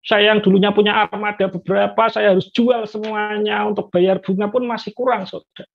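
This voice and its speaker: A man's voice: sits high, flat delivery, fairly quick, vocal fry. A man giving a personal faith testimony to a congregation, speaking earnestly and often addressing the listeners directly as brothers and sisters. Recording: dull lo-fi recording.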